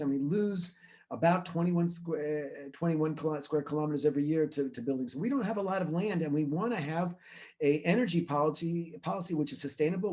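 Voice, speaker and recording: A middle-aged Israeli man, a guest environmental researcher, answers interview questions earnestly and thoughtfully, with lots of fillers and restarts. His voice is on the high side and a little mellow.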